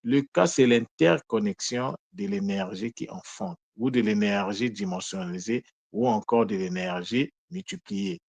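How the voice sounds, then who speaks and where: A man giving a lesson on word meanings, in a deliberate way that poses questions and answers them, often correcting himself mid-sentence. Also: lowish voice, animated, vocal fry, no room sound. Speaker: teacher of Kikongo word meanings. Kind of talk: explanatory lesson talk.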